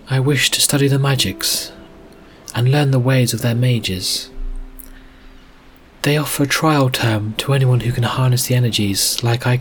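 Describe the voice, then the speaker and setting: A man's voice: mid-range voice, slight background noise, pitched above the performer's own voice, close to an everyday voice. A man voicing an earnest young woman mage.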